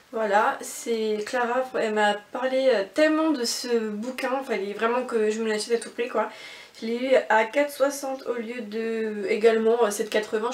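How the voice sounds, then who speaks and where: A young woman rambles cheerfully through a casual book haul, her speech full of fillers and restarts. Her voice sits on the high side. She sounds set back from the mic in a room with a lot of echo. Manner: chatty, rambling, many fillers. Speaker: book vlogger. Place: bedroom with bookshelf and mirror. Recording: echoey room, from far off the mic.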